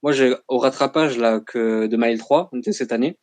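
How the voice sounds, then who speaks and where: A young man who is a guest in a casual chat, speaking in a slangy, chatty and animated way. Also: mid-range voice, normal speed, no echo. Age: young adult.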